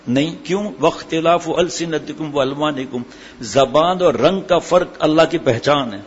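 A middle-aged man preaching a sermon, asking his listeners questions and answering them himself. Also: on the high side. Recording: hall echo, dull sound, faint ambient noise.

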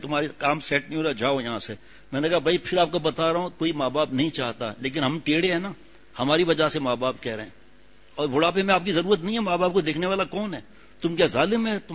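A man preaching an informal sermon, telling stories in a conversational, scolding and joking way and reciting verses slowly. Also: fairly high pitch, fairly bright tone. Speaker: religious preacher. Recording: dull lo-fi radio recording.

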